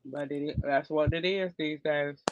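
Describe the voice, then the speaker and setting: A man's voice: fairly high pitch, steady tone, measured pace, a little hiss or hum. A man co-hosting a casual livestream, laid-back and agreeable. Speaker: livestream co-host. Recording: dull lo-fi dry sound.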